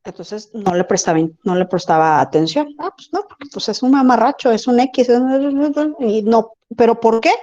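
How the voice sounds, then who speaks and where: A woman's voice: a little high, lively intonation, moderate pace, hardly any pauses, warm tone, highs cut off. A woman teaching an online class, chatty and often checking that her students follow. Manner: conversational, asks students if they follow. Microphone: video call.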